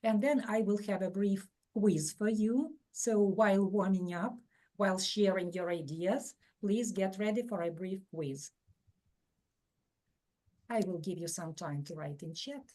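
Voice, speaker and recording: A woman from Ukraine presenting an online workshop over a video call, speaking in a measured way with some fillers. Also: medium pitch, mellow. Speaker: webinar presenter.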